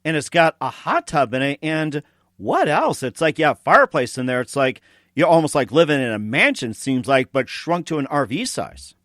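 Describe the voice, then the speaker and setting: A man's voice: a little high, big pitch swings, moderate pace, fairly bright tone, no echo. A man hosting an interview show from a studio, moving between chat and scripted promos. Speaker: radio show host.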